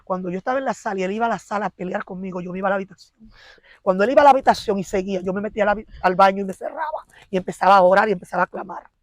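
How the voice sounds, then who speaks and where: Woman telling her church testimony, animated, acts out the arguments, dry close sound. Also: medium pitch, racing, no echo. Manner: animated storytelling, acting out quarrels and prayers. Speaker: interview guest giving a testimony.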